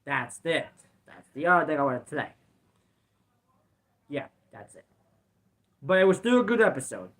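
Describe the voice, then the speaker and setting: Chatty high-voiced man reviewing episodes. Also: sing-song, normal speed, pauses often, a bit bright. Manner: rambling, repeats "let's be honest". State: bouts of coughing. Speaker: video reviewer. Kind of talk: casual episode review vlog.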